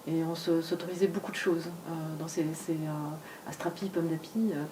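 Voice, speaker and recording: A woman in her forties, raised in Argentina and France, speaking at a bookshop author talk, halting with many fillers and restarts. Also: deep voice, steady tone. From grew up in Argentina and France. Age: 40s. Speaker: comic artist guest at a bookshop talk. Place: bookshop event. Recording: distant mic, faint room noise.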